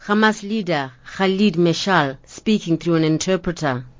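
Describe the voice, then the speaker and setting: A woman's voice: lowish voice, normal speed, no room sound, highs cut off. A woman narrating a scripted news report.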